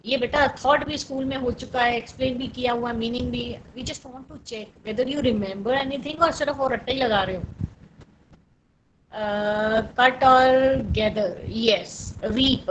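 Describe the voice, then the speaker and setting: Indian english lady teacher, high voice, unhurried, keeps saying very good, faint hiss behind. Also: poor audio. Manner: patient, encouraging, repeats praise and spells words out. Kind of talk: online class, mixing English and Hindi.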